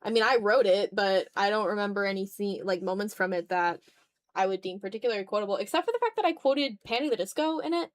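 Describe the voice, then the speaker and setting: Drawing live on stream, this content creator keeps up a quick, casual chatter in a mid-range voice. Her thinking aloud comes out hesitant and a bit self-mocking.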